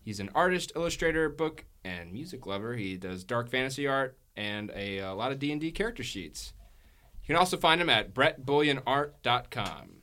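A man with a bright, forceful voice narrates a tabletop role-playing session as game master. He talks playfully and jokes with the players between scenes. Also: medium pitch, sing-song, normal speed. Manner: playful, laughing often.

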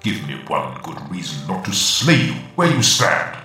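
A man's voice: very deep voice, sing-song, measured pace, pushed and bright, voice pushed down, heavily acted. A man voicing a stern, zealous male leader of a machine cult, speaking solemnly and with scorn. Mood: menacing. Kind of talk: solo tabletop role-play. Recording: heavy echo, distant, music behind.

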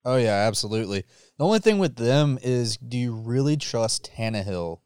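Smooth-voiced man in casual sports chat. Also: mid-range voice, expressive, moderate pace, darkish tone, no echo, studio quality. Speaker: co-host of a sports talk show.

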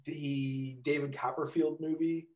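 Guy rambling about a movie, mellow voice, pitched a bit high, echoey room. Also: flat delivery, measured pace. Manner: rambling, laughs often, swears casually. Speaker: podcast co-host. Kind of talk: casual chat about a movie.

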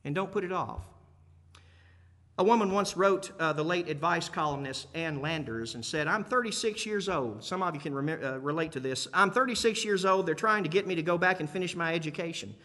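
Speaking fairly quickly in a slightly high, bright and forceful voice, a man delivers a sermon to a congregation. His style is emphatic yet conversational, repeating key phrases and putting questions to listeners, with long hall reverb on the recording.

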